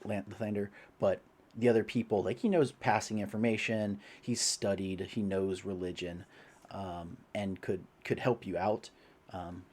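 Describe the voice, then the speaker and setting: A man's voice: low voice, darkish tone, breathy edge. A young man narrating as game master, rambling with many fillers.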